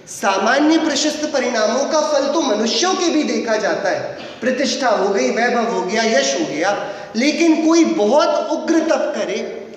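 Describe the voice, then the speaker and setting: Man, preacher, slow sermon, playful questions to the audience, distant mic, long hall reverb, faint room noise. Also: extremely high pitch, expressive. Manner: questions the audience playfully, then answers himself. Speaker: Jain preacher. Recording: echoey hall from far off.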